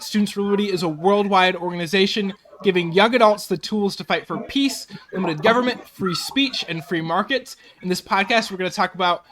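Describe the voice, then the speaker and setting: A man's voice: high voice, a bit bright. A young man hosting a podcast, friendly and a little hesitant with ums. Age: young adult. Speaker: podcast host.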